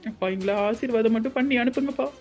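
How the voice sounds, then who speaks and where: A woman's voice: fairly high pitch, fast talker, faint music behind, close to an everyday voice. A woman voicing a young bride who pleads with her parents in a cartoon, with a Tirunelveli Tamil accent. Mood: pleading. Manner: pleading and flat. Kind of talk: cartoon voice acting.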